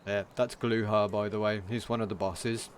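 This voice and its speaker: A man streaming a game, talking through it in a casual, monotone commentary. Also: on the low side, normal speed, a little hiss or hum.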